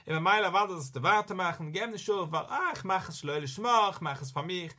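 A man's voice: high voice, fast, bright, forceful tone. A man giving a Torah lesson in a sing-song study cadence, quoting verses as he goes. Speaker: religious teacher.

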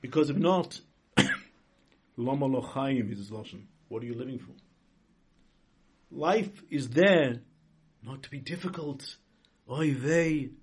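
A man speaking as a rabbi in an informal sermon, halting and rephrasing as he goes, with emphatic stresses. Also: medium pitch, slight background noise. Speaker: rabbi giving a religious talk. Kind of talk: informal sermon, inspirational religious lesson.

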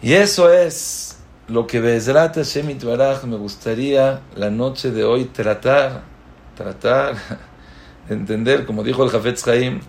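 A man delivers a rabbi's religious lecture in a gravelly, mid-pitched voice. He tells his points as stories, rising to loud exclamations and then dropping to hushed asides. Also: slow pace. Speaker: rabbi giving a Torah talk.

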